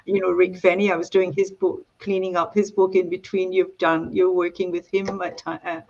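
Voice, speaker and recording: A Scottish woman, an author, talking in a chatty, animated way on a video call interview. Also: on the low side, moderate pace, lo-fi sound, a little hiss or hum.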